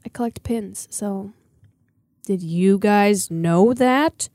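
A playful, excitable young woman in her twenties chats on a podcast and swears freely. Her voice sits at an ordinary pitch for a woman. It is recorded dry and close. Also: slow pace, no echo. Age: 20s. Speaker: podcast cast member. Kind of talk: casual chat.

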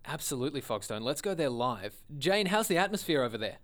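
A man's voice: medium pitch, very animated, fast talker, fairly bright tone. A man playing a glib, callous doctor co-hosting a parody radio show, with a breezy, pompous presenter delivery. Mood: breezy, smug.

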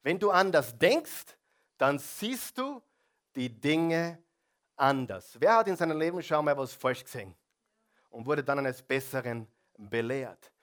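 A man's voice: on the high side, animated, unhurried, a bit bright. A man preaching a sermon, emphatic and putting questions straight to the congregation. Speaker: pastor.

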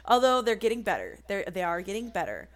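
A woman's voice: mid-range voice, quick pace. Laid-back woman chatting. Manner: relaxed, laughing, chatty. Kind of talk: casual chat.

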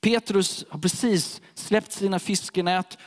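Emphatic high-voiced preacher man. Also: fairly even intonation. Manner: emphatic, repeats key phrases. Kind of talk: sermon. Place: church hall with a live audience. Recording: echoey hall reverb.

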